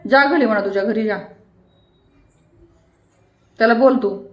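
A young woman speaks in a high, singsong baby-talk voice at home. She questions and prompts a toddler and scolds gently now and then. The room is echoey. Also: unhurried, dull audio. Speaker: mother and vlog host.

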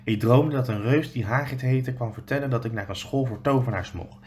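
A dreamy, hopeful young boy voiced by a man reading aloud mutters quietly to himself. It is a children's storybook reading. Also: medium pitch, a little fast, a little hiss or hum, natural voice. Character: eleven-year-old boy, dreamy and hopeful.

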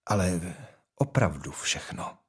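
A calm young investigator questions a king with quiet persistence, voiced by a male audiobook reader. His delivery is measured and unhurried, with a slightly husky tone. He never raises his voice. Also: low-pitched, voice pushed down, full character voice.

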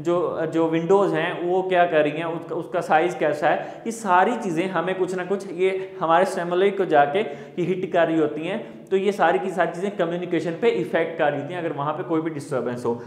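Guy lecturing, kinda high voice, big echoey room with long reverb. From Pakistan. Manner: explanatory, repeats points and checks in with the listener. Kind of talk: recorded classroom lecture.

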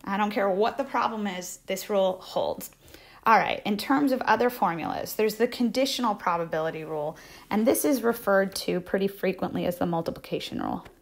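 Woman math teacher, recorded slide lecture, conversational, repeats key points, mid pitch. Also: brisk, gravelly. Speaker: math instructor.

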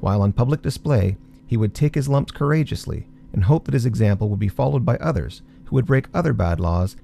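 A man narrating a documentary in a measured, formal script. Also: medium pitch, lively intonation, gravelly, dark tone.

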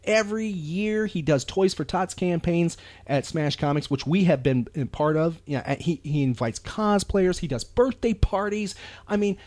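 An American man co-hosts a podcast in casual chat, speaking emphatically and earnestly while rambling. His voice is a little high yet darkish in tone, expressive and at normal speed, recorded with no room sound.

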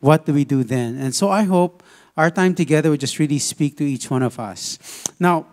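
High-voiced Filipino man preaching. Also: moderate pace. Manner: animated storytelling switching between Tagalog and English. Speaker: pastor. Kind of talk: preaching sermon.

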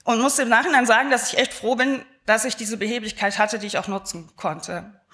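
Chatty woman with a fairly high voice. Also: fairly even intonation, a little fast, a bit bright. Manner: chatty with frequent filler sounds. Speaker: conference speaker. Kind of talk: live talk, conversational.

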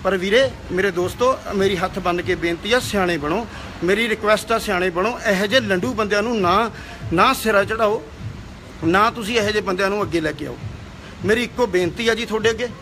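A man's voice: high voice, fairly quick, a bit bright, slight background noise. Heated young man ranting. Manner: heated, scolding, repeats himself. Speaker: actor and singer. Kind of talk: angry video rant.

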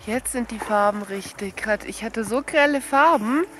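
A woman in her early thirties, a mother, vlogs casually into a handheld camera held at arm's length while walking along a lakeshore beach, now and then calling loudly to her dog. Her voice is fairly high and her pace moderate, with a little hiss or hum in the recording.

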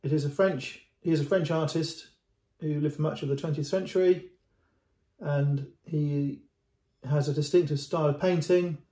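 Filmed at close range by a camera in a room at home, a middle-aged antiques dealer talks through a painting, pointing at the canvas while frequently repeating and restarting his unscripted remarks. His voice sits on the high side with a dark tone, even intonation, normal speed, and roomy echo.

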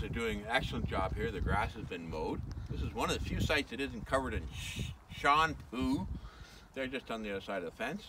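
An older man, a grumpy old man complaining bluntly as he hosts an outdoor vlog to camera. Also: fairly low pitch. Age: older, 60s or 70s. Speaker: vlog host. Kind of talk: outdoor video rant to camera. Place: outdoors in an open grassy field. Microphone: camera a few metres away. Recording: far from mic, outdoor ambient noise.

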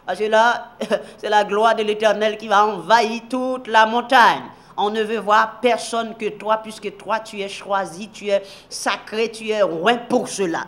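A man with a strikingly high voice teaches the Bible on television. He reads scripture aloud and turns to the viewers, then swings from loud emphatic declaring to hushed, low asides.

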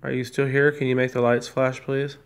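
A man's voice: mid-range voice, little pitch movement, brisk, clean tone. A man politely coaxing spirits with hesitant questions during a paranormal session in a hotel room. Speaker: amateur paranormal investigator. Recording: loud noise over the voice.

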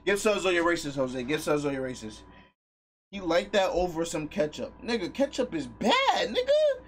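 High, lively-voiced male streamer, crude and loud. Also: normal speed, slight background noise. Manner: loud, crude and profane, reacting to chat. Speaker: live streamer. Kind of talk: casual live stream talk. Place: at home.

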